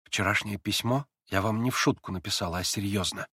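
A man voicing an excitable teenage girl. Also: fairly high pitch, no room sound, studio quality, voice pushed up. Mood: hushed. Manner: quick emotional swings, sometimes whispering. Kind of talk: audiobook character reading.

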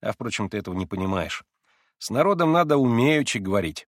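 A man's voice: on the low side, sing-song, quick pace, no room sound, studio quality. A man voicing a cocky, bossy schoolboy who teases and lectures in a storybook reading. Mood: brash lecturing. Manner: brash, teasing, lecturing.

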